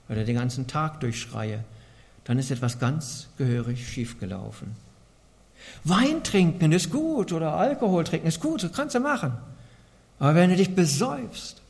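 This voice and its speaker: A man's voice: fairly high pitch, gravelly. A man preaching a sermon in an earnest way, asking the congregation many rhetorical questions. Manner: earnest, asks rhetorical questions, varies loudness a lot.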